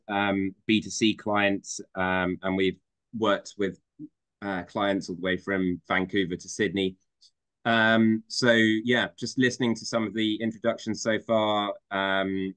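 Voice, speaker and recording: A man introducing his business on a video call, polite and filling pauses with "um". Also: lowish voice, fairly bright tone, dry recording. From England. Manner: polite, many "um" fillers. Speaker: business owner introducing himself. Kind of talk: online meeting introduction.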